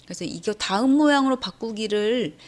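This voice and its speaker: A woman's voice: a little high, animated, normal speed. A woman teaching a coding lesson to schoolchildren, walking through each step patiently and starting her sentences with a prompting "ja". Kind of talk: screen-recorded coding lesson.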